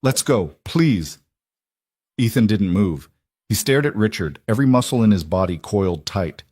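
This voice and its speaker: Low, husky male story narrator. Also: animated, a little fast, darkish tone, no room sound, studio quality.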